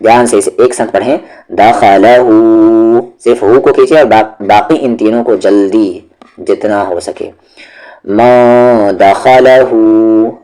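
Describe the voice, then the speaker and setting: In a slow tajweed lesson, a man with a warm, lowish voice takes his listener through Quran recitation one step at a time. He drills each syllable patiently, stretching it out before moving to the next.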